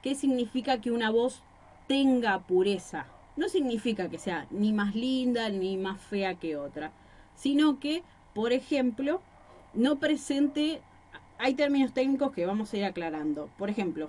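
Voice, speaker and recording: A woman's voice: on the high side, unhurried, darkish tone. Woman from rosario teaching a class, explains stuff with examples, asks then answers, talking into a mic in a small room. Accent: Rosario Argentine Spanish. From Rosario, Argentina. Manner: explanatory, gives examples and asks rhetorical questions. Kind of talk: recorded class lecture. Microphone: microphone.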